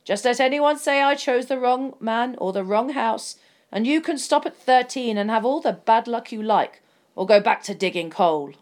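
A woman voicing a stern, commanding old male wizard in a storybook reading, speaking forcefully and with emphasis. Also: on the high side, animated, normal speed, lightly acted.

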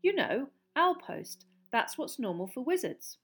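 A woman's voice: high voice, big pitch swings, unhurried, husky, voice pushed up, heavily acted. A woman voicing a defiant, cheeky teenage boy who answers coolly and curtly. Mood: cold. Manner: cool, curt, then cheekily bright.

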